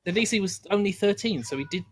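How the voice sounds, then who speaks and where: A man playing a tabletop game, describing his moves excitably and laughing often. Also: sits high, fast, background noise. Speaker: player. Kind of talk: casual tabletop play.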